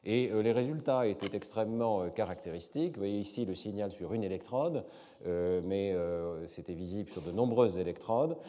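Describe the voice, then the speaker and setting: A man's voice: on the low side, dark tone. Hesitant man lecturing in a hall. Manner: measured, many hesitations. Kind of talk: academic lecture with slides.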